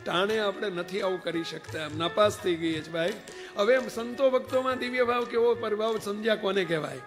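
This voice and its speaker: Male preacher with a high voice, telling stories in a sermon and speaking straight to the audience, with long hall reverb. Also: a little fast, faint music behind. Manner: narrates anecdotes and addresses listeners directly. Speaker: spiritual preacher. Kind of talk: storytelling sermon explaining a devotional hymn.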